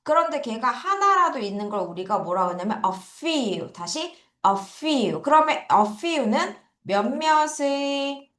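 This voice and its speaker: Woman english teacher, slow and bouncy, has kids repeat words, kinda higher voice, roomy echo. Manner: lively, coaxing students to repeat words. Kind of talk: online lesson. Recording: echoey room.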